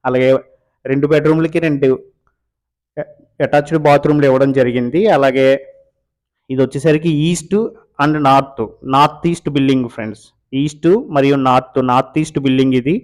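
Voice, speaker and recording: A man's voice: mid-range voice, steady tone, moderate pace, pauses often. A man hosting a real estate video, giving a casual walkthrough of a house for sale in a Telugu accent from coastal Andhra Pradesh. He repeats himself and calls viewers friends. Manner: repetitive, addresses viewers as friends. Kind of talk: casual property walkthrough narration.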